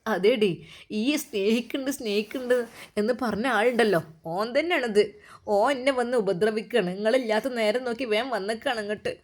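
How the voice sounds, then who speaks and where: A woman's voice: brisk, lightly acted. A woman playing a weepy, accusing aunt. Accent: Malabar Malayalam. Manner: weepy, complaining, breathy low level. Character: scheming aunt, tearful and accusing, middle-aged woman.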